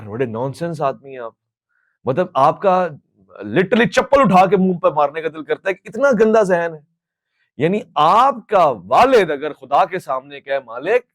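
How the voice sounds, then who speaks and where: Male Pakistani host, fervent and reproachful, high voice, bone-dry close sound. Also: dry recording. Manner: impassioned, scolding, switches into English phrases. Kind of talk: public Q&A answer.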